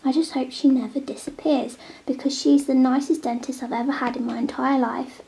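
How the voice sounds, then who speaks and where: Recorded by a camera on the table, a young vlogger with a snotty cold chats casually while drawing on a tablet at home, slipping occasionally into near-whispers. Her high, level, mellow voice carries a gravelly fry. A slight hiss or hum sits under the audio.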